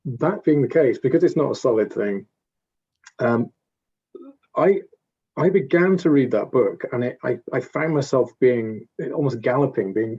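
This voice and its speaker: Welsh male interviewer, husky and warm, halting phrasing, muffled lo-fi audio. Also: mid-range voice. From Wales. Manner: searching, restarts his phrasing. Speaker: interviewer, fellow writer. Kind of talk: casual conversational interview.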